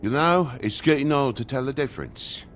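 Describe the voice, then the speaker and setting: An actor voicing a grumpy, indignant talking toad with a British accent in a video game, griping and sarcastic. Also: male voice, mid-range voice, expressive, normal speed, fairly bright tone, a little hiss or hum, lightly acted. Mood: bitter, angry. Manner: griping, sarcastic, foul-mouthed.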